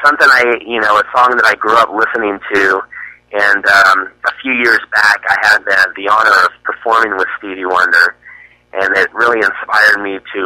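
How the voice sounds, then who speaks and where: A man's voice: lowish voice, bright, forceful tone, dry recording, rough recording. A young man from the US East Coast, a musician answering interview questions in a casual, hesitant way with many fillers and restarts. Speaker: musician guest.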